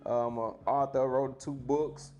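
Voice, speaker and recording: Memphis man, podcast guest, easygoing chat, mid pitch. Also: a little slow. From Memphis, Tennessee. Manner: relaxed, says "man" and "bro" often. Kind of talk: casual chat.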